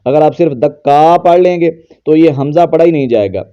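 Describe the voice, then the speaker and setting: A man teaching Quran pronunciation, explaining patiently and slowly chanting verses as examples. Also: fairly high pitch, clear, resonant tone, highs cut off. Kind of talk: tajweed lesson with recitation.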